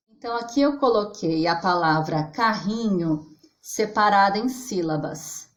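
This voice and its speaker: A woman's voice: mid-range voice, reverberant. A woman teacher with a Brazilian Portuguese accent, giving a patient grammar lesson to children and drawing out example words to stress their syllables.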